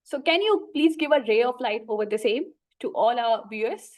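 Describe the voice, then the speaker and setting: A woman's voice: fairly high pitch, animated, normal speed. An effusive, wordy woman with an Indian accent, hosting a podcast interview. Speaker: talk show host.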